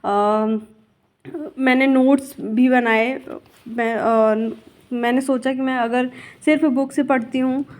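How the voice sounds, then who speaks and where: A woman's voice: high voice, fairly even intonation, slow pace. Chatty woman teacher narrating her vlog. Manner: chatty, rambling, self-correcting. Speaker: school teacher. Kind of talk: casual vlog voice-over.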